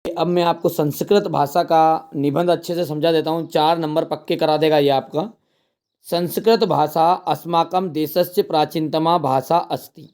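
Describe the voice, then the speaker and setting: A man's voice: a little high, steady tone, normal speed, a little mellow. A man coaching students through exam answers in a casual teacherly way, reading lines aloud and then explaining them. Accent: Hindi from central India. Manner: informal, addresses students as brother and child, reads text then explains. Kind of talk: exam prep lesson, explaining and translating.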